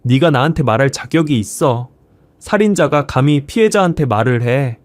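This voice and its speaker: Here a man plays an enraged old grandfather who once taught school, yelling reprimands at normal speed. His mid-pitched delivery is animated but stays near his everyday voice. It's recorded dry and up close, with no echo around it.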